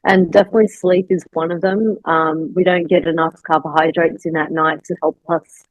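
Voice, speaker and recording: A woman with a lowish voice speaks as a bodybuilding coach in a relaxed podcast chat. Her delivery is reassuring and advisory, often pausing on fillers as she thinks aloud. The sound is dry and close, with little room in it. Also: no echo, highs cut off. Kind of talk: casual podcast conversation.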